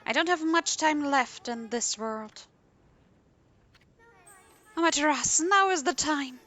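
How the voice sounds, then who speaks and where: A woman's voice: sits high, lively intonation, slow pace, sharp tone, full character voice. A woman voicing an old female wood sprite guardian from a video game, speaking earnestly and pleadingly. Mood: urgent.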